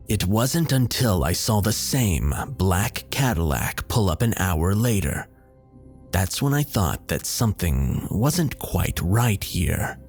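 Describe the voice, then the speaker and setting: Male horror narrator, lowish and lively, measured delivery over soft music. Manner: measured storytelling. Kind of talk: scripted narration.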